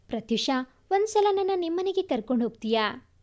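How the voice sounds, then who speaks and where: Pushy impatient young guy woman doing him, storybook voice, kinda high. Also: lively intonation, a little fast, a little mellow. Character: impatient young man, eager brother.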